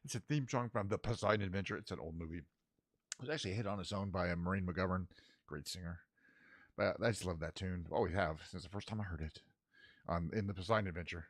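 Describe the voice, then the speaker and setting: Signing off from his own livestream, a middle-aged man chats casually, rambling, correcting himself, and muttering asides. His low voice moves fast and sounds a bit worn from travel. The audio is studio quality with no echo.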